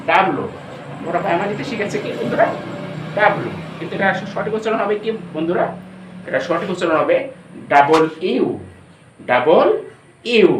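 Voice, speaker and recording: A man with a Bangladeshi accent gives a classroom-style lesson, repeating each item and quizzing his students as he goes. His voice sits a little high. He sounds distant from the mic in a roomy, echoing space with faint background ambience. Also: a bit bright, a little hiss or hum. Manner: repetitive, drilling each letter, asks questions to students. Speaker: English teacher.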